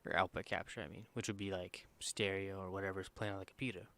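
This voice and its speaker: This is a fast-talking streamer walking viewers through software in a screen-recorded tutorial, his voice soft, quiet, and a bit low with a steady tone. The delivery is loose and filler-heavy, with frequent mid-phrase self-corrections.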